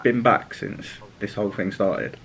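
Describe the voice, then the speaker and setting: Young guy hosting a podcast from home, lowish voice, teasing and chatty. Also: measured pace, a bit bright, a little hiss or hum. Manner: chatty, teasing, laughs often. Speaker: podcast host. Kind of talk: casual chat. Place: warm room at home.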